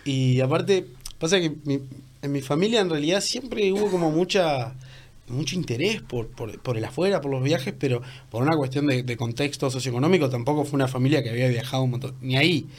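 A man in his thirties with a Uruguayan Spanish accent, a podcast guest telling travel stories in a relaxed way, with many fillers and restarts. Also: a little high, fairly quick. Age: 30s. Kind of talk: casual podcast chat.

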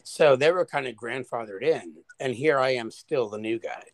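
A man co-hosting a podcast in casual chat, animated and profane, telling stories with big exaggeration. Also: mid-range voice, normal speed, no echo. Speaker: podcast co-host.

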